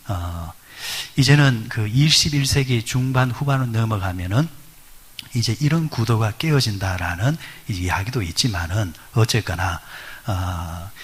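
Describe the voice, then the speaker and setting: At a midweek prayer service, a middle-aged pastor preaches conversationally, asking the congregation questions and using many fillers. His voice is fairly low, husky and fairly bright.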